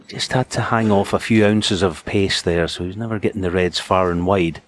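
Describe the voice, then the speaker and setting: Low, hushed male snooker commentator. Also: steady tone, moderate pace, a little hiss or hum.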